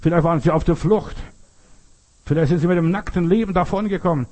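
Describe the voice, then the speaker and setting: An older man delivers a sermon in a husky, mellow voice. He drifts into folksy childhood stories and keeps asking rhetorical questions. His pitch sits a touch higher than most men's. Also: quick pace. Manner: folksy storytelling, rhetorical questions, repeats "verstehst du". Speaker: preacher.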